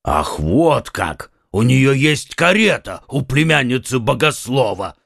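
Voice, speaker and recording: A man voicing a boastful, loose-tongued young musketeer in an audiobook, teasing and loud-mouthed. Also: mid-range voice, very animated, slow pace, gravelly, no echo, studio quality, full character voice. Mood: mocking. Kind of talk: audiobook character reading.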